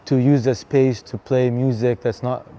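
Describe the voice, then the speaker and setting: A man from Canada, a DJ talking casually in an interview, relaxed and chatty with lots of fillers. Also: mid-range voice, moderate pace. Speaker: DJ and venue co-founder, guest.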